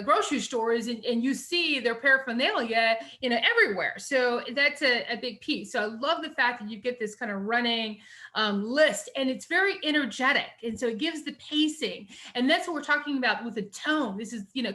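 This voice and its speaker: A woman's voice: a little high, sharp tone. A middle-aged woman teacher, giving a recorded lecture on essay writing in a chatty way, full of fillers and "you know".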